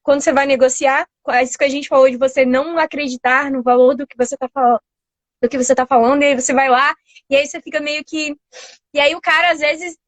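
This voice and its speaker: Woman host for a live chat; high voice, dry recording. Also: fairly even intonation, fast, no room sound. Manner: conversational, leads into questions with tag questions. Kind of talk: casual live interview chat.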